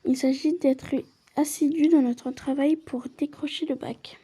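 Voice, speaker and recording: A woman reads a story game aloud, moving easily between first-person narration and chatty side comments. Her voice is high but very mellow and warm, with no edge to it. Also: fairly even intonation, unhurried. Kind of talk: casual playthrough with read-aloud narration.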